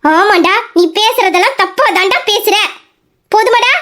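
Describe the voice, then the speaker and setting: A woman's voice: very high voice, moderate pace, fairly bright tone. A woman voicing a young wife in an audio drama, pleading with her angry husband and then taunting him. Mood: defiant, taunting. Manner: pleading, defiant. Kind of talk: Tamil audio drama acting.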